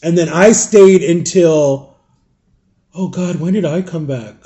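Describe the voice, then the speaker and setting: A Florida vlogger in his thirties tells his viewers a rambling storytime in a fairly high-pitched, dark-toned voice at a slow pace. He's chatty and keeps correcting himself as he goes.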